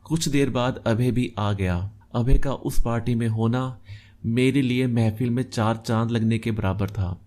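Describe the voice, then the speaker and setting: A man reading a first-person story aloud in a measured, steady storytelling manner. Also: mid-range voice. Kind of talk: scripted first-person narration.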